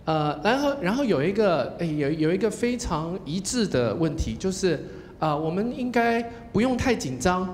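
A man speaking Mandarin with a Taiwanese accent, giving a contest judge's spoken feedback. He coaches the contestants, demonstrates pronunciation, and closes his phrases with a soft "ha". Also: very animated, moderate pace, few pauses. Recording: echoey hall with faint rumble.

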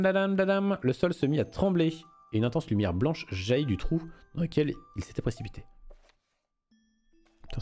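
A man's voice: medium pitch, a little mellow. A young man streaming a game live, reading the story aloud and chatting loosely with viewers, swearing freely.

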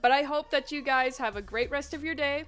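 A woman's voice: high voice, brisk, fairly bright tone. A young woman hosting a casual livestream, chatting upbeat and laughing often while she reads the chat and eats spicy wings. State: mouth burning from spicy wings. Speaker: livestream host for a game studio.

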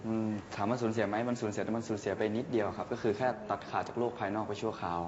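A man's voice: on the low side, flat delivery, racing. A young man, a contestant, answering politely and hesitantly, humming while he thinks. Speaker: reality show contestant. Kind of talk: casual interview answers. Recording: dull sound with background noise.

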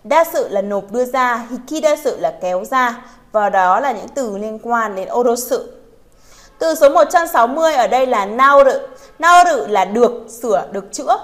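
Female teacher, a little high, reads examples slowly, then explains them and checks in with learners. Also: animated. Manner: often asks "right?" to check in with learners. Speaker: Japanese teacher. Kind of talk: vocabulary lesson.

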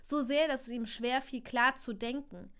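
A woman reading a story aloud on a livestream, expressive, with frequent small slips and corrections. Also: sits high, moderate pace. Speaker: channel host reading aloud.

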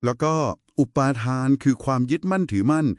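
A man with a medium-pitched, expressive voice speaks a little fast, explaining Buddhist scripture in a polite, didactic way during a two-person conversation. The recording is dry and of studio quality.

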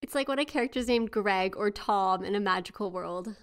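A woman with a New Zealand accent co-hosting a podcast, chatting in a relaxed way and asking questions. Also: medium pitch, a little fast, clean tone. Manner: relaxed, curious, asks questions. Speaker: podcast co-host. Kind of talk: casual chat.

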